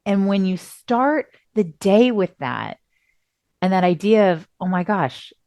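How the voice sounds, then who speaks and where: A middle-aged podcast co-host from Southern California chats casually, telling stories expressively and acting out quotes while her voice is still recovering from a cough. She speaks slowly at a medium pitch, and the recording is dry.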